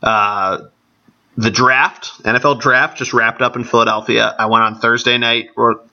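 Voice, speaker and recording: A man with a gravelly, allergy-congested voice talking casually on his own as a sports podcast host. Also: medium pitch, steady tone, a little slow, pushed and bright. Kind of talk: casual solo podcast talk. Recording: dull, band-limited podcast audio.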